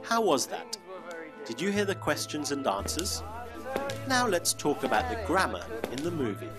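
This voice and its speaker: A man hosting an English lesson in clear, teacherly scripted narration, slowing down for examples. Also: fairly high pitch, wildly swooping pitch, music in the background. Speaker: lesson host.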